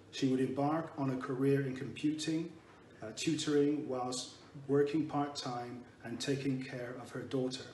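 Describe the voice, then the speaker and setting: A man reading a memorial tribute in a measured way, pausing to restart now and then. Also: mid-range voice, a little mellow. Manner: measured, reads with small restarts. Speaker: eulogy reader. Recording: roomy and distant with faint noise.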